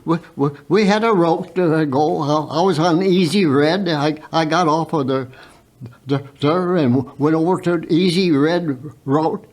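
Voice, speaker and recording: A very old man of about a hundred telling his own story unscripted as a veteran guest, haltingly, with repeated words and stammered starts. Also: on the high side. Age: very old, around 100.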